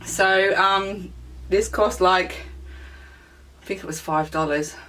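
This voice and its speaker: A woman beauty vlogger in a relaxed, chatty product review, with plenty of ums and small self-corrections. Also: mid-range voice, slow pace, recorded from a distance. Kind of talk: casual product review chat.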